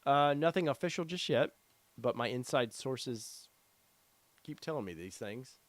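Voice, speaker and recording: In an unhurried, expressive way, a middle-aged podcast host with a medium-pitched voice reads viewer comments aloud on a casual live stream. He rambles with many fillers, and his voice is tired, worn, and fading. No room sound is audible.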